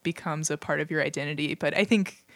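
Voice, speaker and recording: A woman violinist guest, answering in a relaxed, thoughtful way. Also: deep voice, fast, no room sound.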